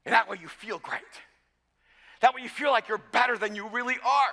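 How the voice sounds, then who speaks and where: A pastor from El Salvador preaches at a brisk clip, his very high, sharply bright voice ringing out into a long hall reverb. Mid-sermon, he is animated and pokes fun at himself, often tripping over words and starting again.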